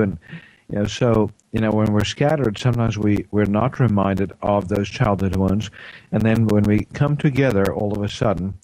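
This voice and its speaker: A man hosting a radio health show, talking in a loose, rambling way with lots of fillers and frequent throat clearing. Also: fairly low pitch, darkish tone, no echo, poor audio. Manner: rambling, many fillers and restarts. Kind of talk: casual health talk on air. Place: radio studio.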